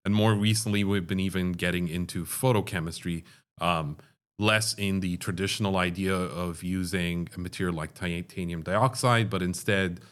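A man from Dubai, a chemical engineering professor, answering interview questions in a measured, explanatory way. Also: deep voice, fairly even intonation, fairly bright tone. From Dubai, Middle East. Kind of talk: conversational interview.

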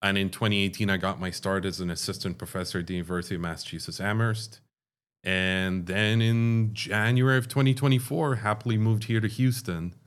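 A man from Dubai, a chemical engineering professor, answering interview questions in a measured, explanatory way. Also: on the low side, steady tone. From Dubai, Middle East. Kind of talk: conversational interview.

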